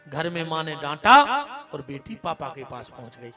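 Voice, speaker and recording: Brief: Bundeli-accented male preacher, fairly high voice, emotional storytelling, music behind. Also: normal speed. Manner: emotional storytelling, swelling loud at peaks. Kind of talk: devotional sermon.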